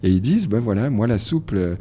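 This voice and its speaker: A man with a low, dark voice and a husky edge, his pitch rising and falling a lot. He hesitates and restarts often in relaxed radio chat. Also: brisk. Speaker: guest, organizer of book readings. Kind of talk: radio conversation.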